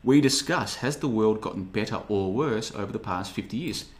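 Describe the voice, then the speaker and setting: A man in his thirties with a lowish voice talks at normal speed while reading his podcast's live chat. The casual monologue wanders, leans sarcastic, and features the occasional mocking voice.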